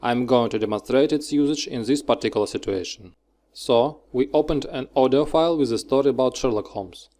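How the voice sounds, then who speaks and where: Here a man with a mid-range voice reads a scripted software tutorial at a brisk clip. His step-by-step directions are short and clipped.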